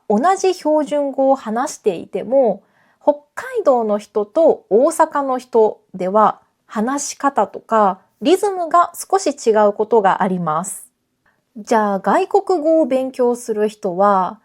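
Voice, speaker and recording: A woman with a voice pitched a little high hosts a laid-back language lesson. She explains things in a clear, friendly way and sometimes glances at her notes while speaking to the camera. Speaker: Japanese teacher. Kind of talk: casual teaching podcast. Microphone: camera framing, reading notes beside it.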